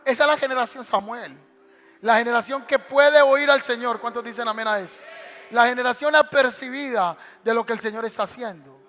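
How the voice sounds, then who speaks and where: Preaching with theatrical flair, this pastor acts out the stories he tells from the pulpit of a church sanctuary. He has a very high, fairly bright voice and a fairly quick delivery, captured in an echoing hall with music playing faintly.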